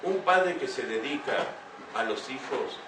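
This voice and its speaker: An older man speaks earnestly to a young audience, stopping often to ask rhetorical questions. His voice comes from some way off the mic in an echoey room, with steady room noise behind him. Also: medium pitch, a little slow. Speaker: speaker giving a talk. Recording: echoey room heard from a distance.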